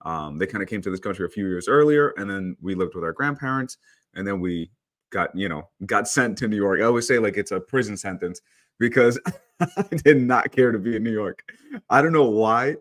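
Low-voiced man in his thirties, chatty. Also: brisk. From El Salvador. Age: 30s. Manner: chatty, storytelling, relaxed. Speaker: photographer guest. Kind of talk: casual interview talk.

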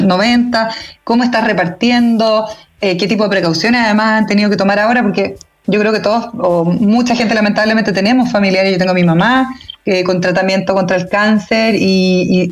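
A woman with a Chilean accent interviewing in a casual, conversational way. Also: mid-range voice. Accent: Chilean Spanish.

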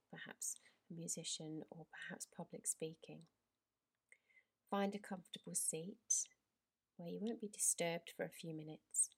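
Woman yoga teacher for guided relaxation; slightly low, breathy tone, very slow, soothing delivery with whispered lines.

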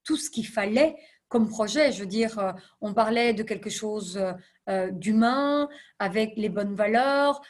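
A woman in her thirties, the CEO of a nonprofit, appears as a podcast guest and answers interview questions with care. Her mid-range voice moves a little slowly, and she hesitates often while dropping in English business terms.

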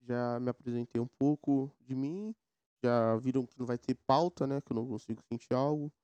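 A man's voice: mid-range voice, fairly quick, mellow, clean tone, dry recording, muffled recording. A man, hosting a casual solo podcast and rambling in slang from topic to topic. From São Paulo, Brazil. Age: 20s. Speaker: podcast host. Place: home setup with a mechanical keyboard. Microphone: recorded through a sound card.

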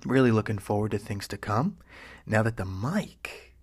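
Man, podcast host, casual chat, close-miked right in the ear, playful mock-sultry delivery, frequent breathy whispering. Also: lowish voice, lively intonation, normal speed. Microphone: close podcast microphone.

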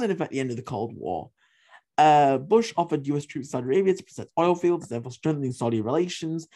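A man with a fairly high, mellow voice hosts a history podcast. He talks in an emphatic, opinionated way, hammering home his points by repeating them and dropping the odd curse word. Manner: emphatic, repeats points for stress, swears casually. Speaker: podcast host.

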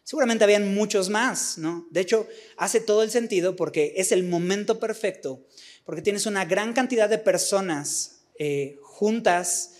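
Man, high-pitched, Bible teacher, conversational, rhetorical questions. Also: moderate pace. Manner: informal, asks rhetorical questions, many fillers.

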